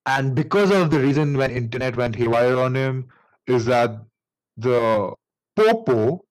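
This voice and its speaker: A man with an Indian accent tells a story on a casual podcast at an unhurried pace. He rambles and halts, restarting his sentences and leaning on fillers. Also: medium pitch, lively intonation, rough recording. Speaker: podcast host.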